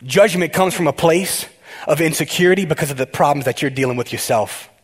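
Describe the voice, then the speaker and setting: High-voiced, excitable male preacher. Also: a little fast, slightly rough. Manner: excitable, talks straight to the congregation with frequent restarts. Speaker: pastor. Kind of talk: conversational sermon.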